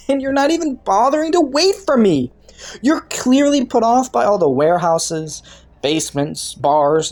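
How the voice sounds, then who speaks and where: A woman's voice: medium pitch, darkish tone. Woman acting flirty, swooping, teasing criminal Killua. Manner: playful, taunting, coy, drawn-out mock innocence. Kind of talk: scripted roleplay audio, intimate monologue to the listener.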